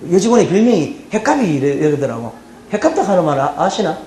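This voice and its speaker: A middle-aged man from the Gyeongsang region with a Gyeongsang accent, giving a humorous university lecture and checking on his students with quick "eh?" asides. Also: high voice, sing-song, mellow. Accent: Gyeongsang Korean. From South Korea, Gyeongsang region. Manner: chatty, teasing, checks the audience with frequent "예?" and "어?". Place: lecture hall. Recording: roomy hall with faint background noise.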